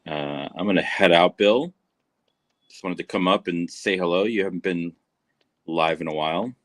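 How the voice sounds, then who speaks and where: A man with a very deep voice joins a livestream as a guest, trading laid-back banter. His voice sounds dry and close, with no room around it. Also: moderate pace, fairly bright tone, dry recording. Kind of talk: casual livestream chat.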